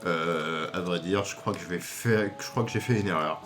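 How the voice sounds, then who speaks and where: An excitable man from France doing casual Let's Play commentary, crude and joking. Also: deep voice, moderate pace, over music. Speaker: gaming video co-host.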